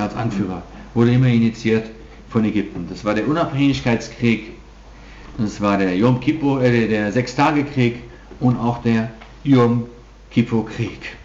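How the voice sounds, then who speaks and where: A man's voice: mid-range voice, a little slow, darkish tone, slight background noise. A man preaching a sermon to a congregation, emphatic, often restarting his sentences. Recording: dull roomy hall recording.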